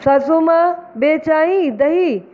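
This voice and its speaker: Brief: a woman doing a high, shrill young daughter-in-law, greedy and pushy, storybook telling, tinny phone-like sound. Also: drawn-out words. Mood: demanding.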